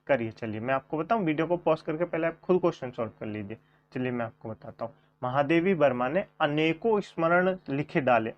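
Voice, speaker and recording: Male teacher drilling sentence corrections. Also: mid-range voice. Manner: repeats questions and answers, addresses viewers as friends. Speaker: Hindi grammar teacher. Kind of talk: online coaching class lesson. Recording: dull lo-fi sound.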